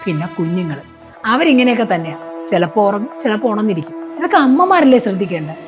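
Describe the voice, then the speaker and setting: A woman's voice: medium pitch, big pitch swings, fast talker, music in the background, lightly acted. An actress in a short film drama, playing a scolding, domineering middle-aged mother-in-law. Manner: scolding, nagging.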